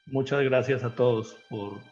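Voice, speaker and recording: A man's voice: medium pitch, fairly even intonation, unhurried, over loud music. Friendly man on a muffled call. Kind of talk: casual closing remarks.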